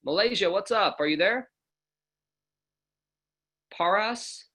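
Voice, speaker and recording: A man hosting an online promotional call, energetic and hyping up the audience. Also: sits high, slow. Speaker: host of an online overview call.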